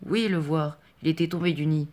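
A man's voice: fairly high pitch, steady tone, a little fast, a little mellow, lightly acted. A man voicing a frightened but defiant peasant boy in an audiobook reading, with a pleading, urgent delivery.

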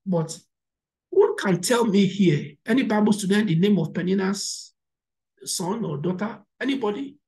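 A woman's voice: mid-range voice, normal speed, a little mellow, poor audio. A woman pastor preaching a sermon, exhorting the congregation with repeated words and direct questions. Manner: exhorting and encouraging.

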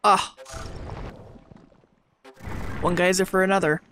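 A young American man with a slight Southern twang, playing a game in an early-morning let's play, excitable and swearing under his breath. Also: sits high, slow, a little hiss or hum. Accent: American, sometimes Southern. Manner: excitable, swears and mutters to himself. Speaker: gaming YouTuber.

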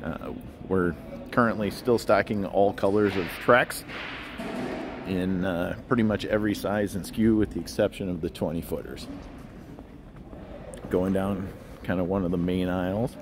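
A man narrating a casual walking tour of a large warehouse, explaining things in a relaxed way with many fillers and restarts. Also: low voice, moderate pace, long pauses, over music. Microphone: handheld phone camera while walking. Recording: phone recording with clear background hum.

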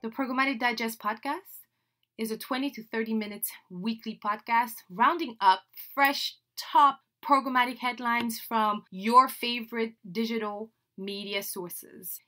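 A woman's voice: fairly high pitch, bright, forceful tone. A woman from Senegal whose first language is French, hosting her podcast in a chatty, upbeat way with laughs between phrases. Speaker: podcast host. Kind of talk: solo podcast introduction.

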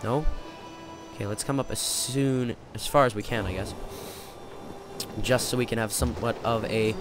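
A young man casually commentating his strategy game, excitable and jokey, thinking out loud. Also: mid-range voice, normal speed. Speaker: gaming channel host. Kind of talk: let's play commentary. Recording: game music playing behind.

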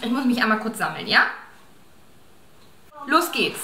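A woman's voice: on the high side, sing-song, a little slow, sharp tone. A woman in her twenties in casual, back-and-forth reaction chat. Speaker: challenge partner. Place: small home room indoors. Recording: roomy echo, faint background noise.

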